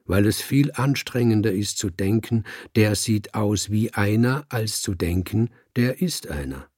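A man's voice: on the low side, animated, a little slow, a little mellow, husky, no room sound, clean studio sound. A man voicing an old, wise tomcat in the afterlife, talking in a musing, philosophical way in an audiobook. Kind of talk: audiobook reading.

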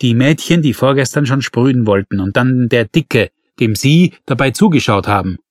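A man's voice: mid-range voice, lively intonation, normal speed, no room sound, lightly acted. A man voicing an irate, blustering male shop owner who complains indignantly.

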